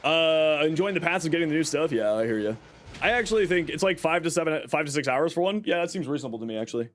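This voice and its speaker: A man giving casual live game commentary and answering chat in a tired, low-energy, flat voice that sounds worn out. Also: fast talker. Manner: low-energy, sleepy, flat burned-out delivery. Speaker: game livestreamer. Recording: clear background noise from game audio. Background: video game sounds.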